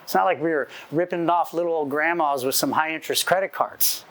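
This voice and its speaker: A man's voice: on the high side, a little fast, a bit bright. A man in his forties giving a profane, intense motivational talk as an entrepreneur speaker, telling his story through acted-out dialogue. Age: 40s.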